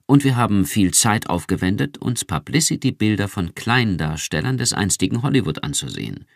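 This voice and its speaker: A man's voice: on the low side, very animated, moderate pace, gravelly, dry recording, studio quality, exaggerated voice. A man reading an audiobook, voicing a male research chief with a brittle, pedantic voice.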